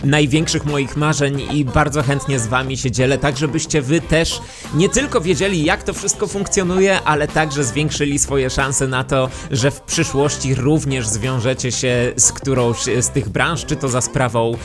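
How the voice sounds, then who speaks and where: A YouTube host in his thirties presents a scripted vlog to camera from a small, decorated home studio, close on a studio microphone. His medium-pitched voice is steady and moderately paced, with faint music in the background.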